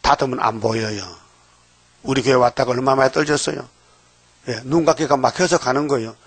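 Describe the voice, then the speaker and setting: A man preaching a dawn sermon, emphatic, often prodding his listeners with quick rhetorical questions. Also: mid-range voice, steady tone, husky, no room sound.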